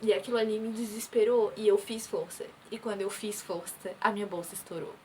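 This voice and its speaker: A woman's voice: medium pitch, fairly even intonation, brisk, dark tone, slight background noise. A woman in her twenties from Brazil, earnestly telling her own story to camera in a conversational vlog, often quoting what others said. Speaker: vlogger.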